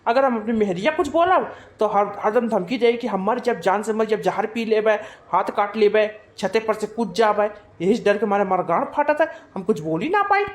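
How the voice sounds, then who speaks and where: A woman's voice: mid-range voice, lively intonation, moderate pace, few pauses, natural voice. A woman voicing a meek young village husband in a cartoon, sweet-talking his wife. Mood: complaining. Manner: pleading, sweet-talking, wheedling. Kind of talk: cartoon voice acting.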